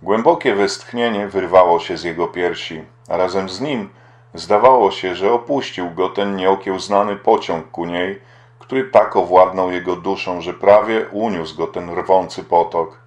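A man reading an audiobook in steady, solemn scripted narration. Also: sits low, a little slow. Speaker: audiobook reader.

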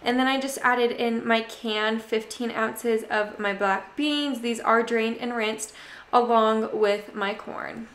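Young woman, cooking vlog voice-over, higher pitch, crisp bright tone, roomy echo. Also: slow pace. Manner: chatty, relaxed, addresses viewers as "you guys". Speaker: cooking channel host. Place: home kitchen.

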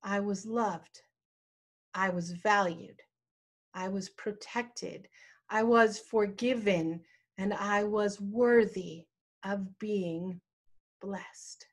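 A middle-aged woman pastor delivers a sermon, recounting a personal story. Her medium-pitched voice moves in a slow storytelling cadence broken by dramatic pauses.

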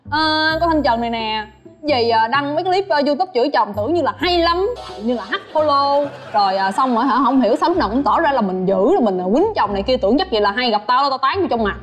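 A woman's voice: high-pitched, lively intonation, faint music behind. A woman, a show guest talking dramatically on the phone with her husband. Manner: fast, dramatic, exclaiming. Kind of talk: animated phone chat in a studio.

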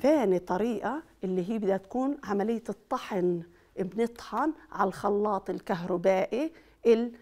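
A woman's voice: mid-range voice, fairly quick, a little mellow. A middle-aged woman, talking like a kindergarten teacher as she leads a children's activity, questioning and praising her young audience. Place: indoor set with decorated backdrop.

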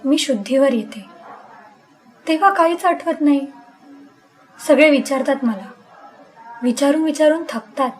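High-voiced woman reading a story intensely. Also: measured pace, pauses often, slight background noise, low-quality recording. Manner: expressive, intense. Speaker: story reader. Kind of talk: dramatic first-person story reading.

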